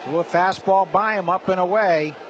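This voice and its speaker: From a ballpark broadcast booth, a man delivers live play-by-play baseball commentary on the radio in clipped, descriptive phrases. His voice sits high at a moderate pace; the noisy live stadium broadcast sounds muffled, with clear stadium ambience behind him.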